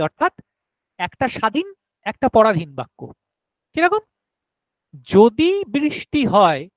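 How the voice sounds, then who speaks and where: A man's voice: very high-pitched, no echo, low-quality recording. A male teacher giving a grammar lesson to a class, explaining step by step and often asking whether everyone has understood.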